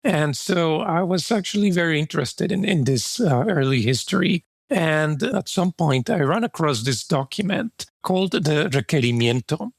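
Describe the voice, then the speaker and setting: A man's voice: a little high, lively intonation, normal speed, creaky, hardly any pauses, husky, no room sound. A man from Mexico, a guest author, answering interview questions in a reflective way, with fillers and restarts.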